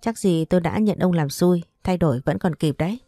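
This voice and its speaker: A woman's voice: on the low side, fairly quick, warm tone, dry recording, studio quality, soft background music. A woman voicing a protective young man who talks in a blunt, teasing way in a storybook. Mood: sharp teasing.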